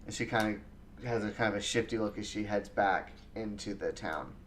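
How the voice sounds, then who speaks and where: A man narrating as game master in a tabletop game, relaxed and full of fillers. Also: lowish voice, brisk, slight background noise.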